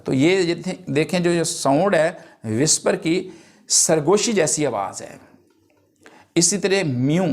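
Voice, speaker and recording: A middle-aged man teaching English figures of speech, reading example words and sentences slowly and deliberately. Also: on the high side. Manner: slow, deliberate, reads English examples word by word. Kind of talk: classroom lecture.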